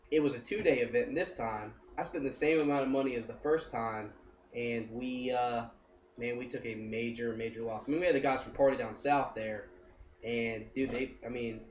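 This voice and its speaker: In a casual interview, a company co-founder in his early twenties rambles upbeat, leaning on lots of "I mean" fillers. His voice sits in the mid-range with a slight hiss or hum. The recording sounds roomy, distant and dull.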